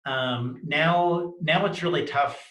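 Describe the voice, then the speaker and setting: A man's voice: fairly high pitch, a bit bright. A man giving a conversational personal account in disjointed, cluttered speech, repeating words and syllables and often restarting his phrases. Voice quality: disfluent cluttered speech with many word and syllable repetitions. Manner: disjointed, halting, self-correcting delivery with frequent restarts. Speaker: interviewee sharing his experience of cluttering. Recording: roomy, echoey video recording.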